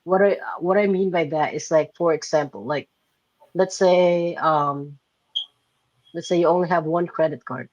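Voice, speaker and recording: A young Filipino man, a guest entrepreneur, answers interview questions casually in a slightly high, steady voice with a darkish tone and a measured pace. His explaining is loose and packed with fillers, lots of "like" and checks of "right?". The audio is dull, with no echo.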